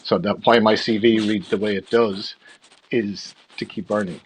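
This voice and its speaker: A middle-aged man with an Irish accent speaks in a fairly low voice over faint background noise. He answers as an interview guest, talking conversationally and circling back over his words as he explains. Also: fairly even intonation, normal speed. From Galway, Ireland. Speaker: interview guest, freelance theatre production manager.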